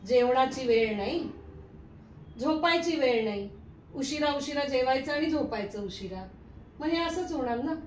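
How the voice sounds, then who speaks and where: A woman's voice: high voice, animated, measured pace. An older woman in a comic sketch, nagging and scolding her husband at length. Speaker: wife. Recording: echoey room, mic from a distance, faint noise.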